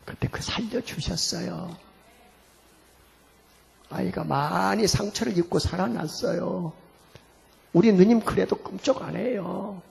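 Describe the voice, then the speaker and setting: A middle-aged man preaching as a pastor, telling a family story in a lively sermon that swings from hushed to loud. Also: high voice, a little slow, vocal fry, long pauses. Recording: long hall reverb, faint music behind.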